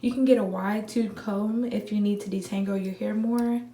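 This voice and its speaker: A young woman vlogger, talking viewers through a hair tutorial in a relaxed, chatty way, a little groggy from just waking up. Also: medium pitch, normal speed, a little hiss or hum. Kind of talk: casual how-to tutorial. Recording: echoey room with faint ambience.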